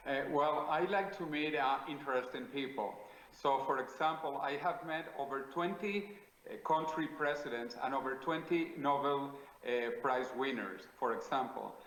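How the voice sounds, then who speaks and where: A South American man with a Spanish accent, a futurist guest speaking English as a second language, answers interview questions in a measured, declarative way with many small pauses. His middle-pitched, slightly bright voice has a noticeable roomy echo, as if recorded over a call in a bare room.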